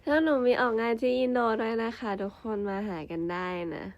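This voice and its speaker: A woman's voice: fairly high pitch, animated, fairly quick, gravelly. A young adult woman, an idol group member, chatting casually and playfully in a vlog, laughing often. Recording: slightly dull, muffled sound.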